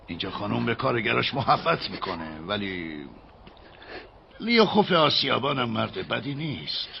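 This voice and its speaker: An actor dubbing a stern estate master who lectures a maid in a condescending way. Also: male voice, mid-range voice, big pitch swings, gravelly. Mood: lecturing. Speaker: dub actor. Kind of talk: dubbed period drama. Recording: dull muffled audio with faint hiss.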